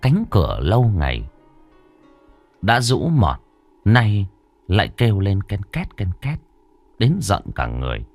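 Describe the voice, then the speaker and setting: A man tells a ghost story in a low, husky voice. His delivery swoops dramatically up and down, and soft music plays under the narration. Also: wildly swooping pitch, a little slow, long pauses, no echo.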